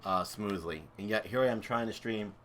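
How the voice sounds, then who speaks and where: A man's voice: lowish voice, moderate pace, fairly bright tone, a little hiss or hum. A man streaming and commentating a video game comparison in a chatty, enthusiastic way. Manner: chatty, enthusiastic, thinks aloud. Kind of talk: casual gameplay commentary.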